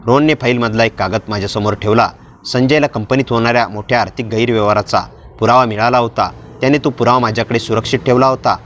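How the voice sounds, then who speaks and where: A man's voice: medium pitch, fairly even intonation, fast, a bit bright, slight background noise. Man narrating a dramatic story. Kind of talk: first-person story narration.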